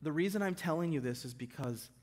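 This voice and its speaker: Middle-aged guy preaching in church, kinda high voice, tells stories. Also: animated, quick pace. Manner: retells stories, drops low and soft for quoted lines. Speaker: guest preacher. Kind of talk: sermon with storytelling. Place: church sanctuary.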